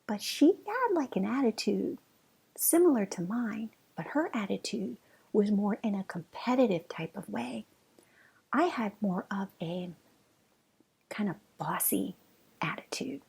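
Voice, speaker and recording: A woman's voice: medium pitch, animated, a little slow, vocal fry, darkish tone, slightly rough. A woman hosting a casual solo podcast as a relationship coach, talking playfully and directly to the listener.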